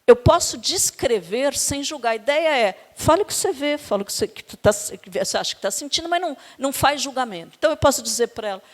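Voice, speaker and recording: A woman's voice: sits high, fast, few pauses. Brazilian woman lecturing in a reverberant hall. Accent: Brazilian Portuguese. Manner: animated storytelling, acts out quoted dialogue. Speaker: university lecturer in education. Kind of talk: academic lecture with personal anecdotes.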